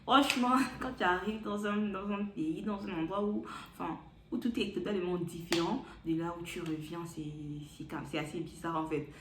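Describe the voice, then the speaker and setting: A woman's voice: lowish voice, normal speed, fairly bright tone. A young woman from Gabon, chatting casually as a vlogger and telling a story. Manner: chatty, repeats fillers like "donc, du coup" and "et tout". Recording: roomy sound with faint background noise.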